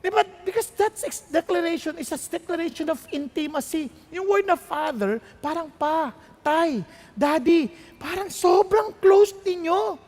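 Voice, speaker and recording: High-pitched preacher in a reverberant hall. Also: male voice, measured pace, darkish tone. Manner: emphatic, conversational preaching with asides to the congregation. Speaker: pastor. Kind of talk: sermon.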